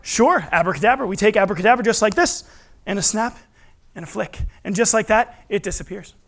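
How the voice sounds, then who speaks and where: A man's voice: high-pitched, a little fast, fairly bright tone. A man performing live as a magician, teaching tricks with playful kids party patter, teasing and putting questions to his audience. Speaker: stage magician. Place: live show in a room before a responding audience.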